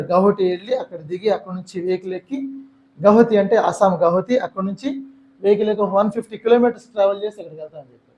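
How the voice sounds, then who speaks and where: High-voiced Telugu man telling a testimony. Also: a little mellow, reverberant, rough recording. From Andhra Pradesh, India. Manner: emotional storytelling with English phrases mixed in. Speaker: missionary speaker. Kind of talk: testimony sermon. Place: church hall.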